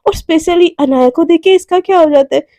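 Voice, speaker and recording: A woman narrates a story in a relaxed, chatty manner, as if talking to friends. Her voice is high and mellow, and the close recording sounds dry with no room around it. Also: moderate pace, dry recording. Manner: chatty, conversational, uses fillers like "ना". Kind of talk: casual spoken storytelling.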